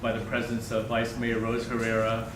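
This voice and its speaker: Echoey male speaker addressing an audience, haltingly. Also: medium pitch, monotone. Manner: halting, addressing a gathered crowd. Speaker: medical center partner giving opening speech. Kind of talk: public welcome speech in front of an audience. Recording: echoey, noisy venue, distant microphone.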